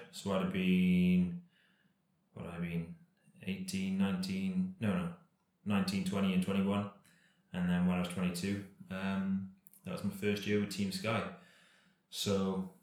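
A man in his thirties talks casually as an interview guest, loose and rambling, often restarting his sentences. His voice sits very low and barely moves in pitch. The sound carries a heavy room echo. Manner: relaxed, rambling, many fillers and restarts. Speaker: professional cyclist guest.

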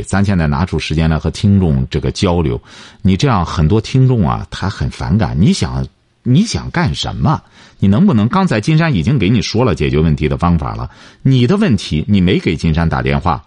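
A man's voice: lowish voice, no echo. A man hosting a call-in radio advice show, lecturing and scolding his caller and cutting in on her. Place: radio studio.

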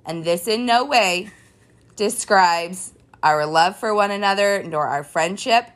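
A congested woman co-hosting a podcast in casual chat, speaking softer and quieter than her partner. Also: medium pitch, unhurried. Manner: soft-spoken, quieter. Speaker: podcast co-host.

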